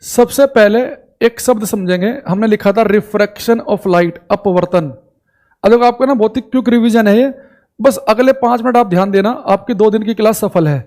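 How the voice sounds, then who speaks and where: A male teacher giving a live online class, repeating key points slowly for students to write down and calling them brother. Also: high voice, a little mellow. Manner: scolding and exasperated about audio complaints.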